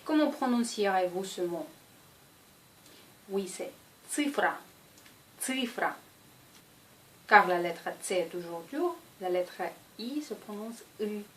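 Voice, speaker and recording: A woman teaching a language lesson, speaking slowly and deliberately and repeating each example word. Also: mid-range voice, animated, rough recording.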